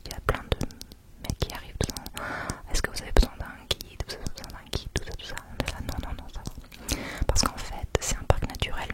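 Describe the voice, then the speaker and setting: A woman whispering a chatty, rambling ASMR travel vlog, quiet and gentle as if at night. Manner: chatty, rambling, informal with repeated words. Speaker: vlogger.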